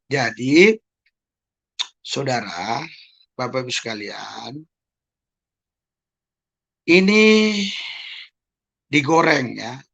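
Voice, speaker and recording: A man's voice: mid-range voice, creaky, a bit bright, slightly rough. A man hosting his own channel, answering accusations in a monologue to his viewers, repeating pointed rhetorical questions. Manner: addresses listeners as "Saudara". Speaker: YouTube channel host.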